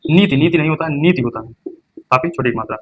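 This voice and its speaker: Hindi teacher drilling spelling, stressing words. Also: male voice, fairly high pitch, slightly rough. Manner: stresses each word, then repeats it slowly. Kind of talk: exam-prep lesson.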